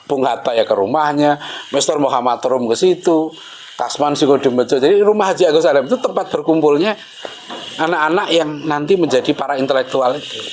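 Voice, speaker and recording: A middle-aged man telling stories in a casual talk, animated and laughing, acting out the voices of the people he quotes. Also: fairly high pitch, a little fast, slight background noise. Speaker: speaker.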